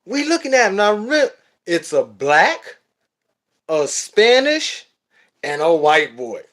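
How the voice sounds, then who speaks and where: A man hosting a livestream, telling a story in an animated, profane, casual way. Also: high-pitched, takes it slowly. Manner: animated and profane, laughing at his own story. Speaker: livestream host.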